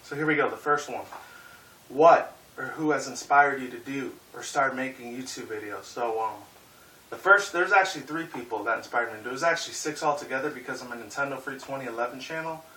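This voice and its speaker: A YouTuber in his twenties of Puerto Rican and Mexican heritage rambles loosely in a casual vlog, swearing and padding gaps with "like" and "um." His bright, forward voice is medium-pitched and brisk. He sits back from the mic in an echoey room, with a faint hiss in the background.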